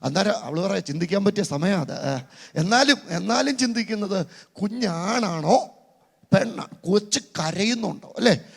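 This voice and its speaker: A middle-aged pastor preaches a sermon with a very high, gravelly voice. He builds to shouted calls for the crowd to repeat after him. The sound carries a long reverb from a large conference hall. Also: expressive, moderate pace.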